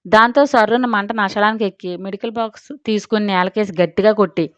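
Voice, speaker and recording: A woman narrating a romantic audio story in a steady, dramatic reading style. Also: mid-range voice, fairly quick, no echo. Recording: dry, slightly dull recording.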